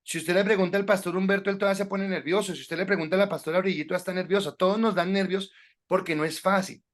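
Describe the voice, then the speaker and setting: Speaking quickly with fairly even intonation, this man has a high-pitched voice. He teaches preaching at a Bible school, and his classroom lecture on sermon delivery is full of direct instructions to students, often broken by hesitations.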